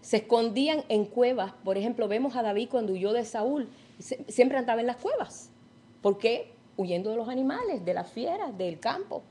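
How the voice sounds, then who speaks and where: A middle-aged woman teaches a Bible study, her voice slightly high yet soft and mellow. She retells old stories in her own words and keeps checking in with her listeners. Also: animated, normal speed. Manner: retells stories with acted quotes, asks listeners questions.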